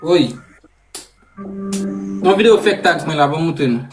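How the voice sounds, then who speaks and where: A man interjects with short remarks during a casual live stream, his voice pitched high. Loud music plays behind him. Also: lively intonation, slow.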